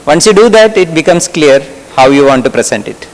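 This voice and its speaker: A man's voice: on the high side, big pitch swings, a little fast. Malayali man lecturing in an echoing hall. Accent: Malayali English. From Kerala, India. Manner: conversational, asks the audience questions, chuckles. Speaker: medical lecturer. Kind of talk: workshop lecture.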